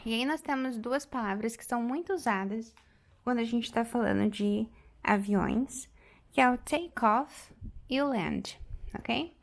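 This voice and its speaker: A woman in her thirties teaching an online English vocabulary lesson, explaining step by step and repeating phrases slowly. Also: fairly high pitch, creaky. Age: 30s.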